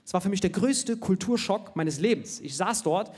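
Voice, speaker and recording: A fairly high-voiced man from India doing a stand-up comedy set. He is animated and jokey, and keeps dropping quick tag questions to the crowd. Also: slightly rough.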